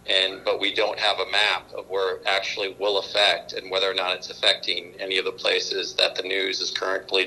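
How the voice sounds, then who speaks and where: Deep gravelly guy coming through a phone speaker, halting, lots of uhs. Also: sharp tone, poor audio. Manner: hesitant, with many restarts and fillers. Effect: calling in over a phone speaker. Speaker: mayor. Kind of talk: remarks at a council meeting.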